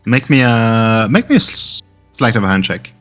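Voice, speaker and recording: A man's voice: mid-range voice, lively intonation, normal speed, fairly bright tone, soft background music. A man narrating a tabletop game as game master, hesitant with many fillers.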